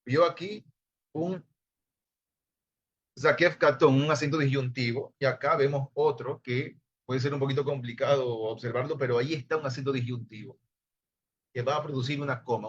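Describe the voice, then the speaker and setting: A man's voice: mid-range voice, steady tone, moderate pace. Man teaching an online class. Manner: explains patiently, addresses listeners as brothers. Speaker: Bible Hebrew teacher. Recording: slightly dull online class audio.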